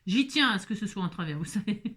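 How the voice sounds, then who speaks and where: A French woman with a medium-pitched, a bit bright voice talks quickly and with lively intonation as she hosts a craft tutorial. She is chatty and playful, laughing often and talking to herself while working.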